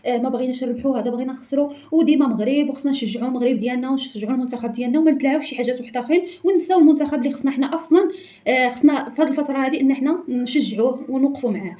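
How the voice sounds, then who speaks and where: Moroccan woman creator, fast, high and mellow, earnest. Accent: Moroccan Arabic. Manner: earnest, rapid. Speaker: content creator. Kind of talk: video outro address.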